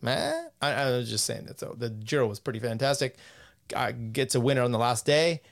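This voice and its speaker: A man's voice: mid-range voice, fairly quick, creaky. A man hosting a podcast in casual chat, rambling, swearing and laughing as he reads out news quotes. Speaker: podcast host.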